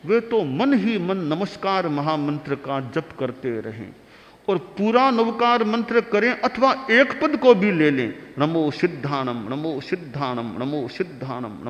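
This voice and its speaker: A man giving a slow religious discourse, teaching pronunciation and chanting mantras softly. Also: high-pitched. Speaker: Jain monk preacher. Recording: long hall reverb.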